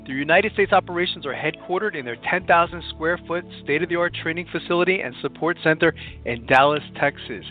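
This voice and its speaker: A man's voice: on the high side, brisk, soft background music. A man hosting an interview show, talking in a chatty way with many fillers and restarts. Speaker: podcast host. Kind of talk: phone interview. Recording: tinny phone-line sound.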